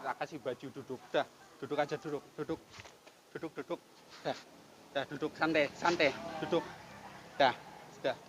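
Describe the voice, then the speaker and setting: A man talks calmly and coaxingly to someone on a roadside, repeating soothing phrases. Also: on the high side, moderate pace, long pauses. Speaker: volunteer caring for a homeless man. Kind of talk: filmed street outreach, talking to a man on camera. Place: roadside outdoors near a market. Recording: outdoor traffic and insect noise.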